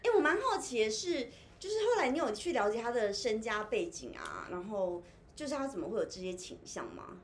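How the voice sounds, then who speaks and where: A young woman hosting a podcast in casual chat, asking curious questions and laughing loudly. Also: a little high, big pitch swings, a little fast, a little hiss or hum. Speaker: podcast host.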